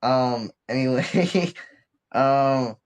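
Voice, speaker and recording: Very slow and clean in tone, a mid-range male voice belongs to a rapper of twenty from Bridgeport, Connecticut. He's a guest in a casual interview chat, relaxed and full of slang, and he laughs frequently.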